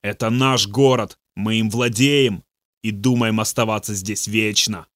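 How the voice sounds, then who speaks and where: A man voicing a boastful male demon speaking through a possessed youth, in a slow, low, gloating way. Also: steady tone, a bit bright, no echo, clean studio sound.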